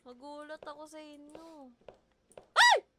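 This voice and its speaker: Woman gaming host, bright higher voice, unhurried chatty let's-play delivery over faint room noise. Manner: chatty, reads story text aloud, yelps when startled. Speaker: gaming streamer. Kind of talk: horror game let's play.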